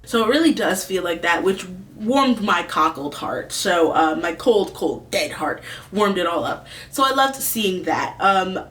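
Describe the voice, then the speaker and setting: A woman's voice: fairly low pitch, expressive, measured pace, few pauses, a bit bright. A woman reviewer giving casual, rambling, informal commentary with some swearing, as host. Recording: distant mic with faint background noise.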